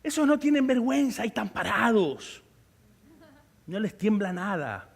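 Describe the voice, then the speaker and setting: Male pastor, high voice, animated humorous sermon, reverberant church hall. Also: measured pace, gravelly, husky. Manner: animated, humorous storytelling with shifting loudness. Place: church sanctuary.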